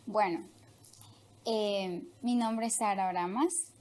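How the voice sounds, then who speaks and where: Young woman, from Honduras, guest, hesitant, many fillers, unhurried. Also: medium pitch, a little mellow, slight background noise. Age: young adult. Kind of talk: testimony interview.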